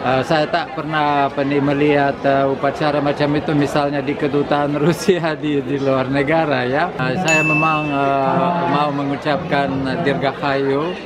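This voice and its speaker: An older man from Russia, a foreigner speaking Indonesian with a Russian accent, halting and pausing often as he answers an informal interview. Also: fairly high pitch, flat delivery. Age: older, around 70. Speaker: interviewee, Indonesian language lecturer. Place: under an open tent at an outdoor festival. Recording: noisy outdoor event with loud crowd. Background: loud crowd chatter.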